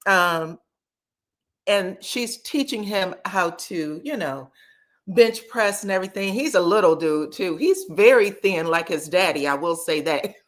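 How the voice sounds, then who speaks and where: In a lowish, animated voice with a slight scratch, a woman hosts a reality TV recap livestream at a measured pace. She keeps things casual and says hello to viewers by name.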